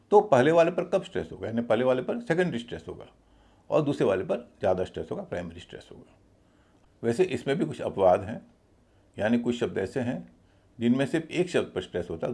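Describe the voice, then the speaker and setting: A man teaching English pronunciation, speaking slowly and deliberately, spelling words out letter by letter and repeating them. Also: mid-range voice, creaky, darkish tone, breathy edge. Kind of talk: spoken language lesson.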